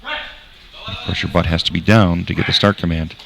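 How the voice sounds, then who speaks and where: Deep gravelly man with a Wisconsin accent. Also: fast talker. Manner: relaxed, explanatory, frequent hesitations. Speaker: commentator. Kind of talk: sports commentary. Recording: noisy broadcast feed.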